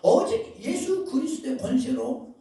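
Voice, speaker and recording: A male pastor preaching a sermon, emphatic, with loud bursts and asides, often questioning his congregation. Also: very high-pitched, lively intonation, a little slow, vocal fry. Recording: very echoey hall, voice far from mic.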